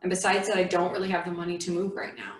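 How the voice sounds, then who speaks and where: A woman's voice: lowish voice, level tone, fast talker, slight background noise, natural voice. A woman reading as a weary, worried father. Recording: echoey room from a distant mic.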